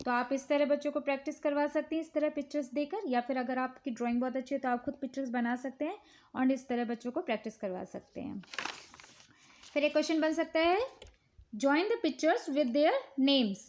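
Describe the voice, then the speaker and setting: A woman with an Indian accent and a high, light voice walks through a children's worksheet. She talks slowly and patiently, checking in with the listener again and again. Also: a little mellow, a little hiss or hum. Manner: slow, patient, repeats "ठीक है" often. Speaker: teacher showing worksheets. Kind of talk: casual instructional talk.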